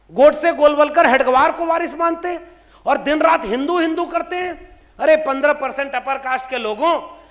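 Before an audience in a large, reverberant hall, a thirty-something Indian man speaks at a public meeting with fiery political rhetoric. He hurls pointed questions at listeners, and his voice sits extremely high with a fairly bright quality.

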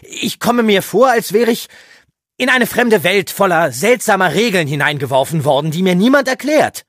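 A man voicing an impatient, headstrong young male farm boy in an audiobook, pleading and insistent in a pitched-up voice. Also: expressive, normal speed, a bit bright, dry recording, clean studio sound. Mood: agitated. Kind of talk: audiobook character reading.

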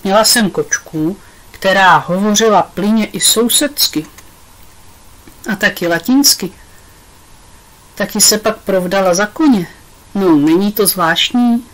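A woman's voice: mid-range voice, long pauses, lightly acted, rough recording. A woman reading aloud, voicing a quirky, bold schoolgirl with cheeky retorts in a storybook. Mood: boastful.

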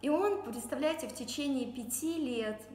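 Higher-pitched woman interviewer in an echoey room. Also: animated, moderate pace, a little mellow. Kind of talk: conversational interview hosting. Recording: echoey room with faint background noise.

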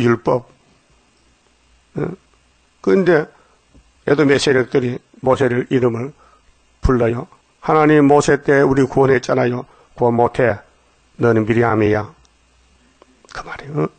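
Gravelly preacher scolding his flock. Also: medium pitch, no echo. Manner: scolding, keeps prodding listeners with a rhetorical "eh?"; plain-spoken and colloquial. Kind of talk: dawn sermon.

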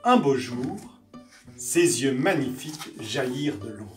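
A woman reading a children's picture book aloud with expressive storytelling. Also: rumbling low, measured pace. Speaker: story reader. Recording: roomy, distant mic, faint guitar. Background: soft guitar music.

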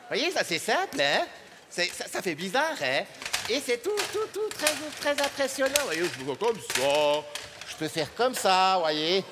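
A deadpan Swiss comedian with a rather high voice and a Swiss French accent, speaking slowly and haltingly from a large stage. His words ring out with a long hall reverb, and clear noise sits underneath. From Switzerland. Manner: deadpan, hesitant, many fillers. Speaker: stand-up comedian.

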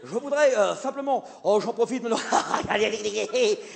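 A man playing a flustered, stammering male theatre director in a live comedy sketch, hesitating and then bursting into shouts. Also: sits high, fairly quick, gravelly. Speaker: comic stage performer. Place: theatre stage with live audience. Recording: live stage recording, audience noise.

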